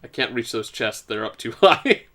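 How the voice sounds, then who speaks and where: A man's voice: medium pitch, very animated, moderate pace, fairly bright tone. A man hosting a casual let's play, talking and laughing through the game with many fillers. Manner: laughing, rambling, full of fillers. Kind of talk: casual gameplay chat.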